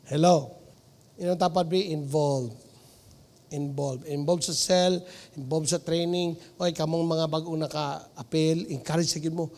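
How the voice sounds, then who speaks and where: A man with a Filipino Cebuano accent, preaching a sermon as pastor, lively and mixing in English phrases. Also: fairly high pitch, takes it slowly, creaky, big-room sound. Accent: Filipino, Cebuano-speaking region.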